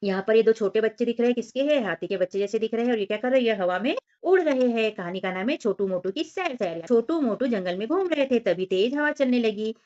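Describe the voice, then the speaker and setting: Slow, patient teacher woman. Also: fairly high pitch, expressive, darkish tone, dull audio. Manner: slow, drawn-out syllable-by-syllable reading; addresses children directly with simple explanations. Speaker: primary school teacher. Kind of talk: workbook lesson walkthrough for young children.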